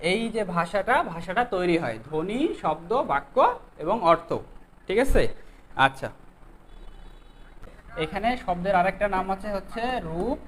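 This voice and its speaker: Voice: medium pitch, moderate pace, pauses often, fairly bright tone, a little hiss or hum, poor audio. A teacher giving an exam-prep grammar lesson online. The teacher keeps asking the listeners questions and checking that they have followed. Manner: quizzes students, keeps asking "okay?".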